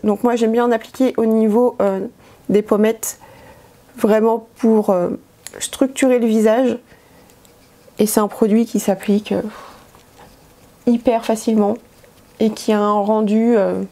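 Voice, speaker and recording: A woman's voice: a little high, dark tone. A woman chatting casually through a makeup tutorial, hesitant with many fillers. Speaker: beauty vlogger.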